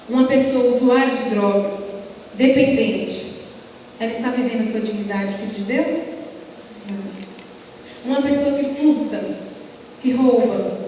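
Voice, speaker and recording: Woman preacher, high voice, impassioned sermon, distant mic in a booming hall with faint noise. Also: darkish tone. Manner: impassioned preaching with rhetorical questions. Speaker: preacher at a prayer group.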